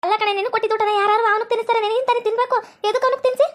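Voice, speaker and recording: A woman's voice: very high voice, steady tone, rapid-fire. A woman voicing a scolding older village mother-in-law in a comedy skit.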